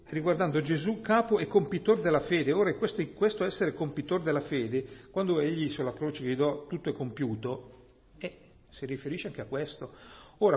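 A man preaching a sermon, expounding scripture slowly and emphatically, often checking in with "no?" and "hm?". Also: on the high side. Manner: slow, emphatic Bible exposition with rhetorical "no?" and "hm?". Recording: dull, long-reverb church hall sound.

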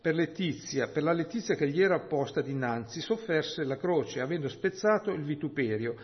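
Preacher in a reverberant hall. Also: male voice, on the high side, animated. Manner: slow, emphatic Bible exposition with rhetorical "no?" and "hm?". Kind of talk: sermon. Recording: dull, long-reverb church hall sound.

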